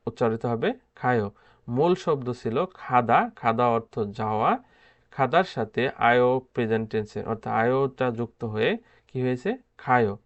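A male language teacher who goes through a grammar lesson step by step. He asks a question, then answers it and says the word again. His pitch sits in the middle, and the recording sounds a little dull and lo-fi.

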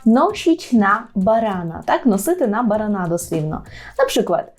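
Woman teaching with slow careful repeats. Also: medium pitch, sing-song. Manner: slows down to repeat words carefully. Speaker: Polish language teacher. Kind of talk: language lesson for learners. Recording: faint background music.

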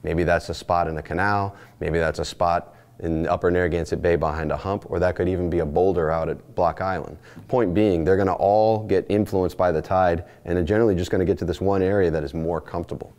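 Low-voiced charter captain teaching fishing. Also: male voice, darkish tone. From Northeastern United States. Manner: plainspoken, practical, speaks in short stacked phrases. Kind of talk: instructional presentation. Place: indoor studio set. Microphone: lapel mic, framed mid-shot.

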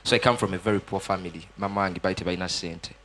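A man's voice: low voice, steady tone, a bit bright, slight background noise. A young Ugandan man with a Ugandan accent, a gospel musician giving his testimony in a TV studio interview on a handheld mic, earnest and switching between Luganda and English. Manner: earnest, fast-talking, mixes Luganda and English.

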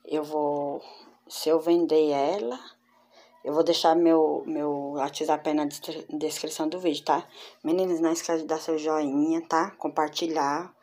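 A woman with a low-pitched voice talks casually to her viewers, showing off handmade crochet pieces one by one. Her tone is chatty and familiar. She speaks from a room at home. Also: steady tone, a little slow, mellow. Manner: chatty, addresses viewers as girls. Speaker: crochet vlogger. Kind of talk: casual show-and-tell. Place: home room with door closed.

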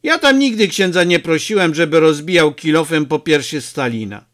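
A man voicing a gruff, hot-tempered village mayor who shouts and blusters in a storybook reading. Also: a little high, animated, moderate pace. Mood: angry.

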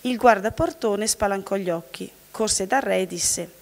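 A woman from the audience reading a fairy tale aloud in a steady storytelling manner. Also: medium pitch, normal speed. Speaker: volunteer reader from the audience. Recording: long hall reverb.

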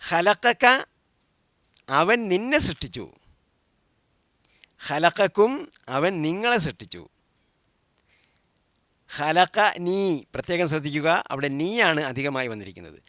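Male language teacher, fairly high voice, steady drill-and-repeat delivery, dry close recording. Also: slow, long pauses, no echo. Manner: drills word forms, each followed by its meaning; asks listeners to repeat after him. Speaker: Quran Arabic teacher.

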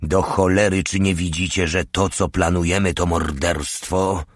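Brief: man reading a deep-voiced, reproachful veteran sergeant, close and dry. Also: steady tone, measured pace, no echo. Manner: reproachful, lecturing. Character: stern older male sergeant, indignant.

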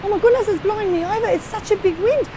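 A woman voicing a group of eager, excited disciples in a children's Bible story, gasping with excitement. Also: fast, background noise. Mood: amazed. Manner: high gasping, breathless excitement.

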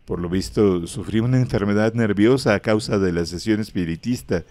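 A man narrating a horror story in a grave, measured way, close to the microphone. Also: fairly low pitch, darkish tone, dry recording.

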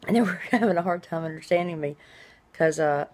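Low-voiced woman with drawn-out, hissing s sounds. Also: darkish tone. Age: middle-aged. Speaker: vlogger. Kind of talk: casual personal video diary. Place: small indoor room at home.

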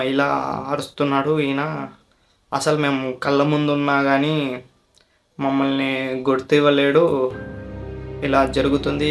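A worried middle-aged mother, as a male storyteller quotes her, plaintively laying out her family's troubles. The voice stays slow and level, with little melody. Soft music sits behind it. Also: mid-range voice, close to an everyday voice.

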